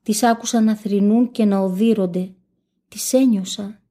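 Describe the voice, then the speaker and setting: A woman reads a devotional text aloud in a steady, measured way. Her voice is warm and mellow and sits at a middle pitch. The delivery stays solemn and even throughout. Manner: steady, measured first-person recitation. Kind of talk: solemn religious text reading.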